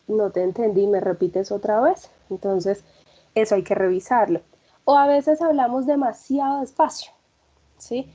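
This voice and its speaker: A woman's voice: medium pitch, warm tone, dull audio. A woman leading an online workshop, talking conversationally with frequent fillers and checking questions. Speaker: workshop facilitator.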